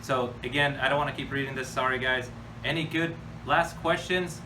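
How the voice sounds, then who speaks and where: At a normal speed and with fairly even intonation, a mid-range American male voice responds to viewers' questions. The session is relaxed and improvised, with a blunt, slang-filled manner. It was captured by a distant mic amid clear background noise.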